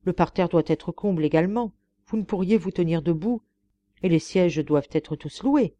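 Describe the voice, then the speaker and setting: A woman reader voicing a grand, generous stage tragedienne who talks briskly and commandingly in an audiobook. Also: on the low side, dark tone, close to an everyday voice.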